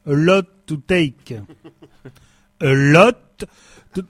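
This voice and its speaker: A man's voice: medium pitch, expressive, moderate pace, darkish tone, dry recording, lightly acted. A man playing a smug cynical boss. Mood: smug, sarcastic. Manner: smug, sarcastic, coldly dismissive. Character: cynical male company boss firing his staff. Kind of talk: stage comedy sketch.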